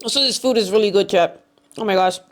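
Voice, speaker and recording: A woman's voice: medium pitch, fast talker. A woman livestreamer chatting casually with her viewers in a cute, bubbly anime-streamer way, often repeating herself.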